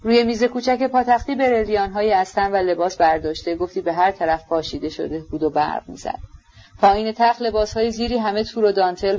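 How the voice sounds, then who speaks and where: An audiobook narrator reading a literary novel in a measured, even storytelling manner. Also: medium pitch. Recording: slightly muffled audio.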